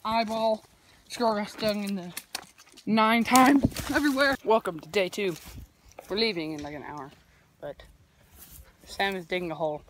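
A teenage boy vlogging a camping trip outdoors, exclaiming excitedly as he explores the woods. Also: high-pitched, moderate pace, long pauses, background noise. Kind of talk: casual camping vlog. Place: outdoors in a forest. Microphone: handheld phone camera.

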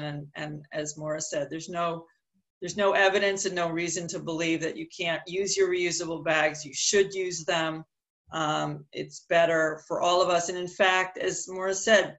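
Bright, chatty panelist giving practical tips. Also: medium pitch. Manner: chatty, practical, many "you know" asides. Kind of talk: conversational panel discussion.

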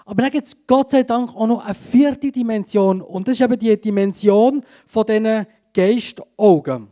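A man with a Swiss German accent preaching a sermon in church, swinging between urgent emphasis and a hushed tone. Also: high voice, moderate pace. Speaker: pastor. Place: church service.

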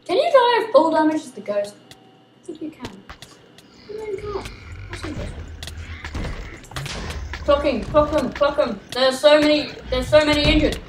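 A young woman, chatting excitedly while recording herself playing a video game. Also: sits high, moderate pace, pauses often, roomy sound, background noise. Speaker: gamer recording gameplay. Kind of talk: let's play commentary.

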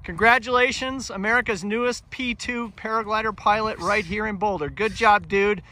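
Encouraging male flight instructor outdoors, fairly high voice, heard from behind the camera. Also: fairly even intonation, moderate pace, sharp tone. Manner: encouraging, coaching. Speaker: paragliding instructor. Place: open grassy field outdoors.

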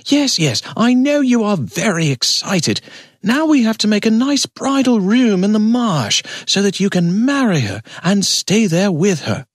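A woman voicing a domineering, scheming mother frog in an animated storybook, with a husky, croaky voice. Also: mid-range voice, a little slow, no echo, studio quality. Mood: bossy. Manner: domineering, scolding.

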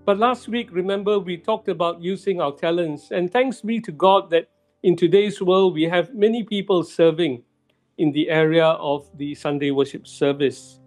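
A middle-aged male pastor giving a sermon in a church, speaking slowly and deliberately and repeating key phrases for emphasis. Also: sits high, a little mellow, faint music behind. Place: church sanctuary.

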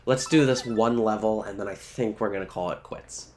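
A man's voice: fairly low pitch, normal speed, darkish tone. A man giving casual, sweary video game commentary, talking to the characters as he plays. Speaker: let's play host. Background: game music.

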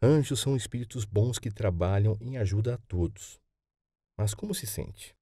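A man voicing a calm, reassuring elderly grandmother, speaking slowly and softly. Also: lowish voice, no room sound, studio quality. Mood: tender. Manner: slow, soothing. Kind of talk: audiobook character voice.

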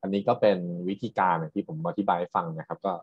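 A low-voiced, slightly rough university lecturer talks at a quick pace with fairly even intonation. His patient, technical explanations are often tagged with brief questions to check that students follow. There's no echo, but the recording is somewhat dull and muffled.

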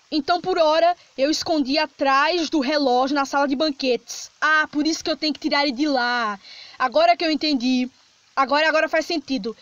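A woman with a Brazilian Portuguese accent doing Let's Play commentary, chatty, reading game text aloud and reacting with quick jumps of fright. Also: sits high, a bit bright, no room sound. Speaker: gaming streamer. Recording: slightly dull lo-fi sound with game music.

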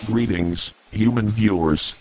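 A man voicing a sassy male robot sidekick built from an old vacuum cleaner, speaking in a robot voice with flat, cheeky delivery. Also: fairly low pitch, takes it slowly, husky, pitched below the performer's own voice. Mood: robotic deadpan. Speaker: co-host.

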